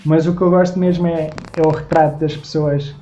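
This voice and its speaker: A young man in his twenties with a Lisbon Portuguese accent chats casually on a live stream from a small room at home, thanking viewers by name. He's a host and artist whose voice sits on the high side, with little pitch movement, a slightly fast pace and a dark tone. The sound is lo-fi.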